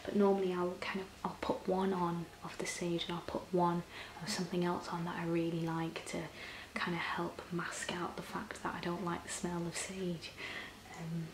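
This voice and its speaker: A woman in an ASMR role-play as a personal shopper, soft-spoken and often breathy, explaining things gently and a little hesitantly. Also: lowish voice, completely flat delivery, normal speed. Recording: roomy echo, clear background noise.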